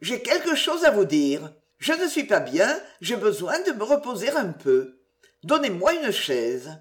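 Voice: medium pitch, wildly swooping pitch, a little slow. A reader voicing a young woman, unwell and weary, who speaks plainly and curtly. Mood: firm. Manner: plain and curt.

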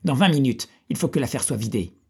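A man reading the part of a hot-tempered former soldier who answers insults with firm, forceful defiance. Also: mid-range voice, expressive, a little fast, creaky, slightly rough, full character voice.

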